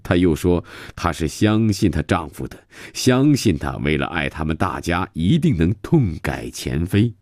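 A man reading a novel aloud as a radio storyteller, with calm, measured narration. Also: deep voice, dry recording, studio quality.

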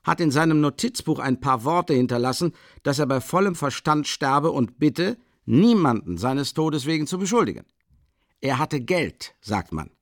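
A man's voice: on the high side, animated, moderate pace, dry recording, studio quality, voice pushed up. A man voicing a pompous, talkative middle-aged police official in an audiobook, chatty and indignant. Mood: gossiping. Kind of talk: audiobook character reading.

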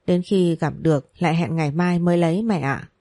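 A young working woman, worried for her sick brother, pleads urgently and politely, as a woman reading the story voices her. Her tone is mellow and fairly low. The recording is dry and close. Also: brisk, no echo. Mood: pleading. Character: desperate young woman worker, pleading daughter.

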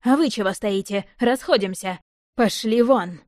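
A woman's voice: unhurried, darkish tone, dry recording, close to an everyday voice. A woman voicing a distraught middle-aged mother who scolds her son, reproachful and close to tears. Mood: scolding. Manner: shrill, reproachful, near tears.

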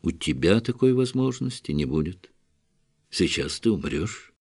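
Elf commander, male, cold and proud, quiet measured delivery, read by a man. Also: sits low, sing-song, slightly rough, no echo, studio quality, exaggerated voice.

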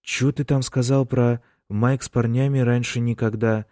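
A man voicing a gentle, awkward young man who speaks softly and haltingly. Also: medium pitch, little pitch movement, no echo, clean studio sound, voice pushed up, natural voice. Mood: timid. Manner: soft, hesitant, halting.

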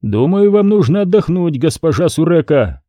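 Man doing a firm, dry, commanding ship captain; warm, dark tone. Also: fairly high pitch, very animated, normal speed, no room sound, pitched above the performer's own voice. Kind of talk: audiobook character reading.

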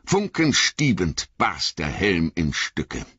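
A man with a very deep, husky voice reads an audiobook in a dramatic, expressive way, his pitch swinging widely. The sound is dry, with a bright edge, but slightly dull and lo-fi overall. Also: takes it slowly, dry recording. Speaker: audiobook narrator.

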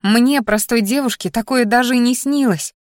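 A woman's voice: a little high, moderate pace, no room sound, voice pushed up, natural voice. A woman voicing an anxious young female student roommate who stammers and gasps for breath, in a fantasy audiobook. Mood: earnest. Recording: dry close audiobook recording.

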